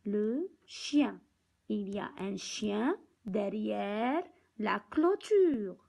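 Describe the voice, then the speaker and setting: A woman teaching young children from a picture book, speaking slowly and deliberately, repeating words and counting aloud. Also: medium pitch, animated, creaky, dark tone, rough recording.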